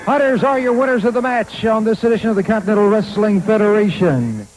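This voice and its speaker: A man's voice: sits high, quick pace, a little mellow. A man hosting a live wrestling broadcast from a desk in the arena. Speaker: wrestling TV host and commentator. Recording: noisy arena crowd behind the voice.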